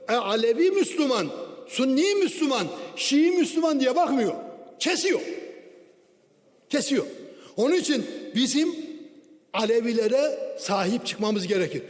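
High-voiced man at a lectern microphone. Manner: declamatory, with rhetorical questions. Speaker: member of parliament. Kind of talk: formal political speech. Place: large parliament chamber. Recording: long hall reverb.

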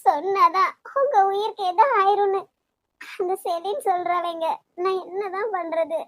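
A woman's voice: high voice, animated, normal speed, a bit bright, dry recording. A woman voicing a heartbroken young woman in a cartoon love story, bitter and pushing her lover away, with a Kanyakumari Tamil accent. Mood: distraught. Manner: bitter, cold then tearful. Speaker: voice actor.

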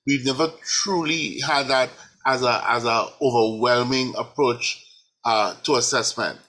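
A man speaking as a professor in an online panel discussion. His voice is bright and forceful, and his delivery is measured, circling back over words as he builds his point. It sounds like a video-call connection. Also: medium pitch, rough recording. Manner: measured, restarts phrases.

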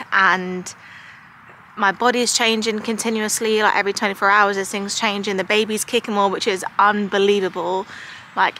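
With a bright, forceful, medium-pitched voice and a faint hiss or hum in the recording, a woman in her thirties from the UK vlogs to camera. She rambles frankly and confidingly, filling her speech with "like" and "um."

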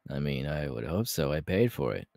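Very deep, gravelly Hawks, romantic ASMR man acting. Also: very animated, a little mellow, no room sound, studio quality, exaggerated voice. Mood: relaxed, playful. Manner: intimate, halting, breathy laughs and sighs. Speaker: voice actor, ASMR artist. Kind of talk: romantic ASMR audio roleplay.

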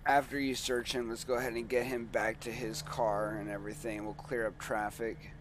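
A man playing a police officer in a game role-play, giving calm, procedural instructions. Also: medium pitch, moderate pace. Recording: faint vehicle noise behind the voice.

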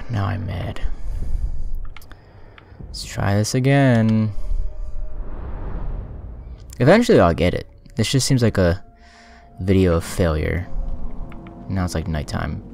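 A man's voice: sits low, expressive, measured pace, vocal fry, long pauses, darkish tone, faint music behind. A man giving casual commentary while playing a video game, muttering and swearing in frustration. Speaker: let's play gamer.

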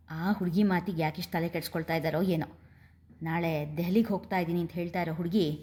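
A woman storyteller narrating a scripted family drama in a steady, expressive reading voice. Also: on the low side.

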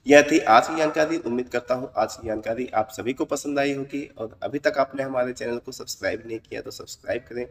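A man hosting his own channel, explaining the meanings of dreams in a measured way, often pausing with "uh". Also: mid-range voice, big-room sound, far from the mic. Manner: measured and explanatory, with frequent "uh" pauses. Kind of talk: explanatory talk to camera audience.

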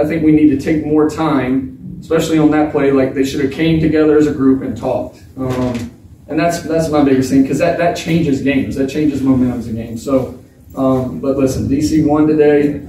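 A man in his thirties speaks at a post-game press conference, frank and halting, often restarting his sentences. His voice is mellow and dark. He sits at a table mic in a bare, echoey room, heard from some distance with faint room noise. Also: on the high side. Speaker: football quarterback. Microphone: table mic, filmed from across the room.

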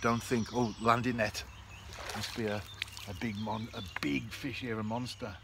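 A gravelly, mid-range voice belongs to a fishing vlogger narrating at normal speed from a canal bank. He's chatty and reflective, speaking directly to a camera close in front of him. Birds and country ambience create faint outdoor noise behind him.

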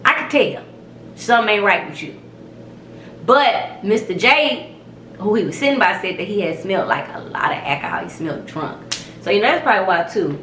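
A young woman hosting her own vlog, telling a story in a profane, emphatic, animated way. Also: medium pitch, moderate pace, echoey room, a little hiss or hum. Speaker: vlog host. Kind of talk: casual storytelling rant.

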